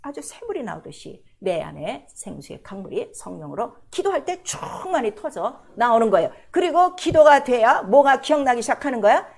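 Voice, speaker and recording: A woman pastor preaching a sermon, firing questions at the congregation and swinging between loud, emphatic declarations and hushed, prayerful passages. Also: on the high side, sing-song, moderate pace, vocal fry, few pauses. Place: church service.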